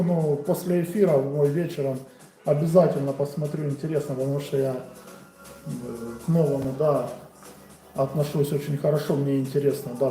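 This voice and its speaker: A friendly boxing coach, a man in his forties with a Ukrainian accent, answers viewers' chat questions casually and spontaneously during a live stream from a room in his home. His voice has a fairly high pitch and a dark tone. The recording is rough and reverberant.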